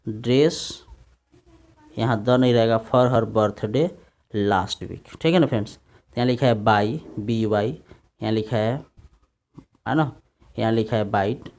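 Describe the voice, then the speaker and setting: A man teaching English translation to exam students in Hindi, dictating sentences slowly and often asking "right, friends?". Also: mid-range voice, a little mellow. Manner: repeats tag questions to students. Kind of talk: Hindi-English grammar lesson.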